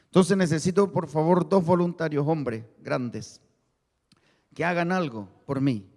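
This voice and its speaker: Pastor guy, high voice, preaching and getting the church to repeat words, lots of hall reverb. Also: darkish tone. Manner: teaching, leads congregation in call-and-repeat; explains word meanings slowly, stresses key words. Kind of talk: sermon.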